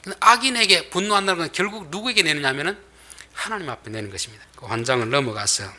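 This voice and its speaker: A man preaching a sermon as pastor, dramatic, swinging between loud emphatic bursts and soft near-whispers. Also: fairly high pitch, lively intonation, fast talker.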